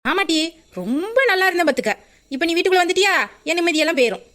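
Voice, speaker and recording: A woman plays a sharp-tongued mother. She fires back fast, bantering retorts. She mocks her daughter with good-natured sarcasm. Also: very high-pitched, animated.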